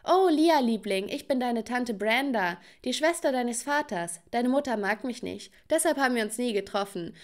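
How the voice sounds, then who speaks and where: A woman plays a tipsy middle-aged aunt who gushes and badmouths the family. Her voice rides high and loud with a sloppy, overfamiliar warmth. She belongs to an animated storybook. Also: normal speed, hardly any pauses, lightly acted. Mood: drunk gushing.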